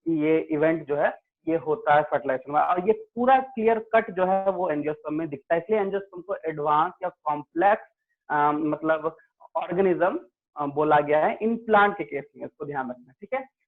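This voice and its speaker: A man's voice: a little high, animated, moderate pace. Man teaching over tinny online audio. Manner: explains in Hindi-English mix, quizzes students, repeats "ठीक है". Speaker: biology teacher. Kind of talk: online class lecture.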